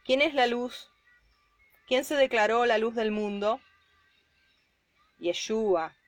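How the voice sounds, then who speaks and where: A woman reading a psalm and preaching on it, slow and emphatic, rising on her key points. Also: a little high, no room sound, faint music behind. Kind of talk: Bible reading and devotional sermon.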